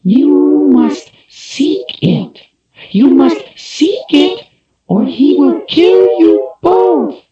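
A man voicing a tiny, high wisp spirit. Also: sing-song, mellow, lo-fi sound, heavily acted. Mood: ominous. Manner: slow, grave, prophetic. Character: tiny female night wisp spirit, solemn.

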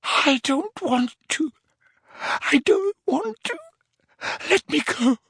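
Dumbledore, tormented old wizard wailing high. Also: male voice, lively intonation, fairly bright tone, dry recording, clean studio sound, full character voice. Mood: moaning, pleading. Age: older. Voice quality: breathy, wavering, high moaning voice. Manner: sobbing, pleading, drawn-out wails. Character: anguished elderly male wizard, begging, tormented, weakened.

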